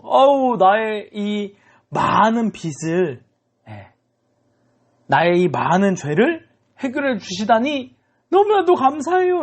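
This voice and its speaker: A man giving a children's sermon, telling the story in an animated way and constantly checking in with the kids. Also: high voice, husky. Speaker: children's ministry preacher.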